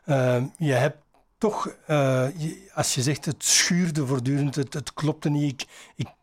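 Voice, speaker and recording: A man interviewing a guest, asking long, measured, probing questions. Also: fairly high pitch, steady tone.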